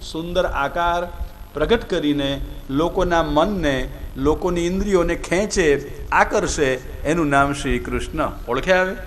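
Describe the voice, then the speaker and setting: A man with a Gujarati accent delivers a devotional discourse in a voice pitched somewhat high. He often puts questions to his listeners and slows down to stress key words. A faint background hiss sits under the recording. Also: fairly bright tone. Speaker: Bhagavat katha preacher.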